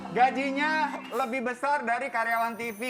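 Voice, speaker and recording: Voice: mid-range voice, steady tone, moderate pace, loud music behind the voice. A co-host of a comic TV talk show, prodding the guests with playful questions.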